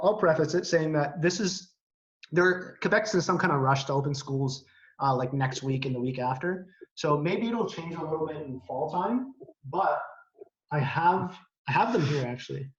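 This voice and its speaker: Male co-host from Canada, higher register, animated informal storyteller, video-call sound a little muffled. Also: moderate pace. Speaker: live stream co-host. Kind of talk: casual chat. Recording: slightly dull video-call audio.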